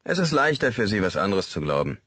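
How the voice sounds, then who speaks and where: A man's voice: on the low side, big pitch swings, fast talker, fairly bright tone, slightly rough, dry recording, full character voice. A man reading a sonorous old jailbird. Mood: knowing. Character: veteran male jailbird, sonorous and world-weary.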